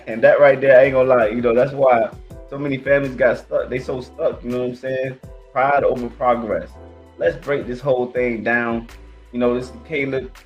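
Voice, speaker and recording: A man's voice: mid-range voice, dull audio. A man hosting his own reaction channel, talking in loose slang with a stammering, repetitive delivery. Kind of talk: casual reaction commentary.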